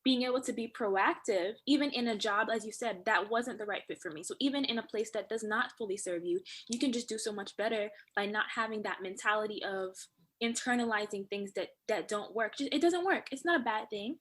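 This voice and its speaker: A woman's voice: medium pitch, a little fast, a bit bright. A woman guest on a podcast who talks emphatically and acts out her own inner thoughts as she speaks. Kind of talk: casual podcast conversation.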